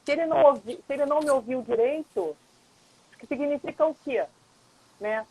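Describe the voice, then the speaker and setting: Dry, dull lo-fi live-stream audio carries a woman's high, somewhat dark-toned voice at normal speed. A lawyer and mediator invited onto the stream, she talks casually, explains with patience, and often checks in with the listener.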